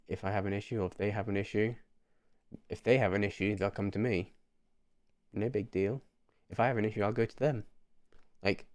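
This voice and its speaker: In his casual vlog, a twentysomething man muses to camera with earnest sincerity, wandering off topic and saying things more than once. He has a lowish, slightly mellow, smooth voice, captured in a dry, studio-quality recording.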